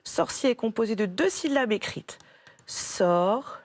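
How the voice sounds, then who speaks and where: French woman, primary teacher, slow careful delivery, patient and encouraging, dry close sound. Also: fairly high pitch, animated, no echo. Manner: patient and encouraging, repeating words slowly. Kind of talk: slow, clear classroom instruction to a child.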